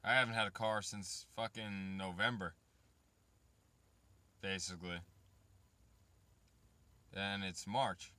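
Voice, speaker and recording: A man's voice: low-pitched, steady tone, slow, pauses often, bright, forceful tone. Profane rambling thirty-year-old man. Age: 30s. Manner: rambling and profane, talks straight to chat. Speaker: vlogger. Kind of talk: casual chat to viewers.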